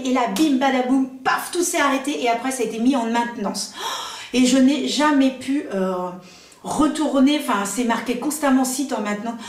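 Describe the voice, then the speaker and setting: A woman chatting casually to camera as a beauty vlogger, enthusiastic and full of asides and fillers. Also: sits high. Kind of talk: casual product review to camera. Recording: echoey room, voice a bit far from mic.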